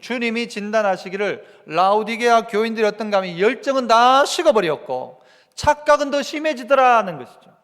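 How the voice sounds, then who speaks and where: Male pastor, Gyeongsang accent, high lively preaching voice, long church reverb. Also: a little fast. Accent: Gyeongsang Korean. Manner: animated preaching, rhetorical questions to the congregation. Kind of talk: sermon. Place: church sanctuary.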